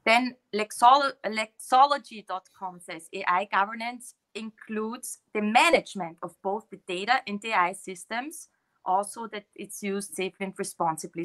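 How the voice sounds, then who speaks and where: A woman's voice: medium pitch, sharp tone. German-accented woman presenting slides. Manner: explanatory, many fillers and restarts. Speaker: guest speaker. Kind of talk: slide presentation on a video call.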